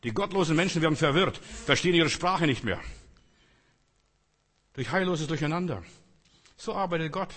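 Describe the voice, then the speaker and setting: A man's voice: fairly high pitch, expressive, moderate pace, pauses often, a bit bright. A man preaching a fervent sermon, addressing listeners directly and quoting scripture. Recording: long reverb in a large hall.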